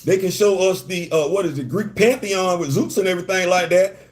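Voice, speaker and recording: Speaking fairly quickly in a slightly high voice, a New Yorker with a Southern-tinged accent gives animated live-stream commentary. He fires off emphatic, slangy lines, repeats them for weight, and calls out to viewers as they come in.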